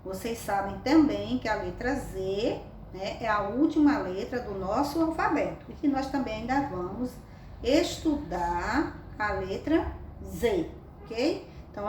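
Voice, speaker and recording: Leading children through a slow, deliberate reading lesson, a woman uses an animated, medium-pitched voice. Her tone is warm and sing-song, full of coaxing questions. The mic sits far off in an echoey room, picking up faint background noise.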